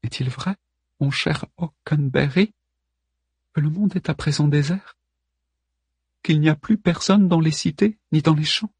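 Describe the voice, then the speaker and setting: A man voicing Helen, a soft scheming woman. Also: fairly high pitch, measured pace, pauses often, slightly rough, no room sound, voice pushed up. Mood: wistful. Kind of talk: audiobook character reading.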